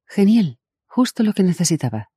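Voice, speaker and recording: A man voicing a defiant, sharp-tongued young woman in an audiobook, brusque and scornful and quick to swear. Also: medium pitch, expressive, husky, no room sound, clean studio sound. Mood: flustered. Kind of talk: audiobook character voice.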